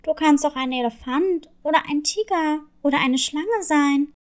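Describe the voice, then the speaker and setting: A woman's voice: high-pitched, normal speed, natural voice. A woman voicing a kind, eager little girl kitten in a children's story. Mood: sweet. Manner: sweet, earnest, eager. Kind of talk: storybook reading.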